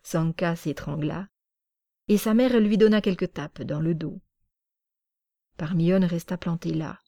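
A woman narrates a storybook in a slow, measured way with a lowish voice. The reading is even and unhurried. The sound is dry and close, with no room echo. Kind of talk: audiobook narration.

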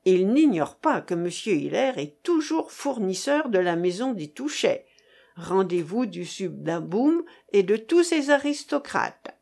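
A woman reading aloud, voicing a flattering, scheming male recruiter. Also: medium pitch, a little slow, creaky, exaggerated voice. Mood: confiding.

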